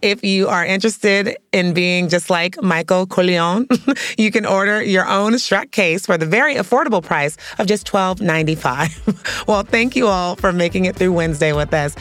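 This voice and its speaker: A woman hosting an entertainment news podcast, lively and giggling as she talks. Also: lowish voice, normal speed, no echo, studio quality. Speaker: podcast host.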